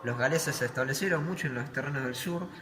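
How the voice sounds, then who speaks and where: A man's voice: medium pitch, fast talker. A man with an Argentine accent guiding visitors through a museum, explaining as he goes and asking and answering his own questions. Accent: Argentine Spanish. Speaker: museum tour guide. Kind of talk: guided museum tour explanation. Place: museum hall. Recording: echoey room with loud background noise.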